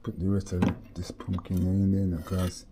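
Cooking hands-on in his home kitchen and filmed by a head-mounted camera, a middle-aged Jamaican vlogger keeps up relaxed, story-filled chatter, drifting into Patois with easygoing asides. He speaks low and monotone at normal speed, against heavy background noise.

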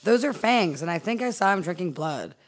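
A woman playing a gravelly tough ship engineer. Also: brisk. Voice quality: low, gravelly voice. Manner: crude, deadpan. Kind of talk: audio drama.

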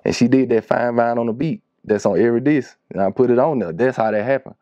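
Talking fast at a medium pitch, a music producer in his thirties from Shreveport, Louisiana, United States, swaps stories as an interview guest in casual, slangy talk with a Southern accent. He's in a small wood-panelled recording studio, with no echo and a lo-fi sound.

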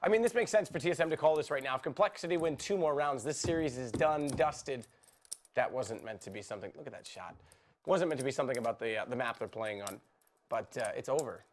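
A man's voice: medium pitch, expressive, fast talker, slight background noise. A young man in his twenties commentating live as an esports caster from a studio desk.

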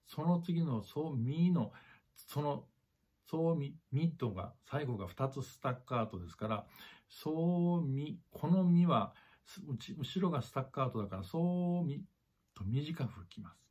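Husky-voiced male clarinet teacher. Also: medium pitch, big pitch swings, brisk, few pauses, darkish tone. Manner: sings rhythms aloud to demonstrate; repeats points, addresses listeners directly. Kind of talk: spoken music lesson. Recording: dull lo-fi recording.

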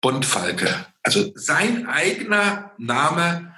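Man, interview host, slow speech, bright tense voice, excited rambling, echoey room. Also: a little high. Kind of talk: casual interview talk.

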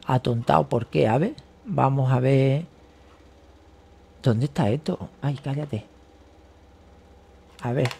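Gravelly man, agitated vlogger. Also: medium pitch, dark tone. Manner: agitated, rambling, swears often. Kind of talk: casual monologue to camera.

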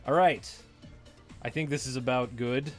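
Male let's-play co-host, eager, playful banter, faint game music behind, average pitch. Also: fairly even intonation, normal speed. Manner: enthusiastic, playful commentary on character creation. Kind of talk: casual gameplay chat on a live stream.

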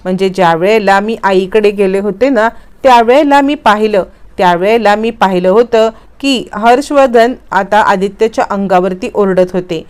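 An earnest, concerned young stepmother in a story recap, as a woman reads her lines. The voice is smooth and clear, at an ordinary pitch for a woman, and it pleads its case steadily. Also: moderate pace, darkish tone, lightly acted.

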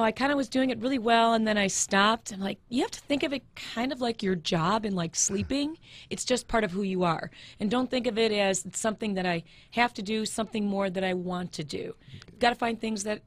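A woman fitness trainer and author, a guest in a studio interview, talking in an upbeat, encouraging coaching way and laughing often. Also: medium pitch.

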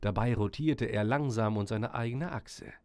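A man narrating a storybook with gentle, expressive storytelling. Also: fairly low pitch, normal speed, dry recording.

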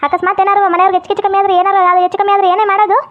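A woman playing a deaf cranky granny, high and rapid, tinny phone-like sound. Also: level tone. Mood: scolding. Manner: scolding, shrill and quick. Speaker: grandmother in a family comedy skit.

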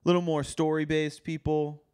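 A man's voice: fairly high pitch, level tone, moderate pace, darkish tone, clean tone, no room sound, clean studio sound. A young man co-hosting a podcast, chatting casually with profane, teasing banter. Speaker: podcast co-host. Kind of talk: casual chat.

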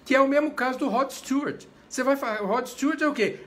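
A Brazilian conductor with a Brazilian Portuguese accent, giving a chatty, informal lecture on voice types. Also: male voice, extremely high pitch, a little fast. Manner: animated, chatty, breaks into short sung examples. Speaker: conductor and voice teacher. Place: home during quarantine.

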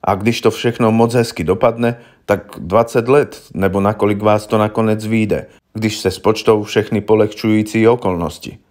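An earnest young defense lawyer, read aloud by a man for a storybook audiobook. He speaks formally and patiently, in a somewhat low voice, a little naive in his seriousness. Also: steady tone, hardly any pauses, darkish tone, close to an everyday voice.

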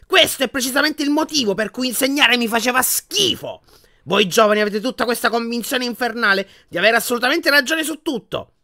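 A man voicing a haughty, sneering old male wizard in a portrait, with a slow mocking drawl, for an audiobook. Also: on the high side, sing-song, bright, forceful tone, dry recording, clean studio sound, voice pushed up, heavily acted. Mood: shouting. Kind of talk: audiobook character voice.

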